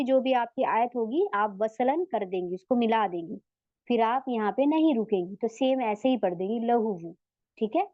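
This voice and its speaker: A woman teaching a tajweed lesson online, patiently explaining step by step, asking her students questions and drawing out Arabic words slowly to show them. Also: a little high, no room sound, lo-fi sound. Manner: says Arabic letters and words slowly and drawn out for demonstration. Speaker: Quran recitation teacher.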